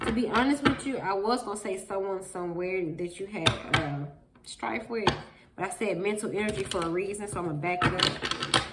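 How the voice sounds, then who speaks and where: A woman's voice: lowish voice, very noisy. A woman with a stuffy nose from a cold, giving an emphatic, preachy tarot reading straight to her viewers. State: congested from a cold, sniffling. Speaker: tarot reader.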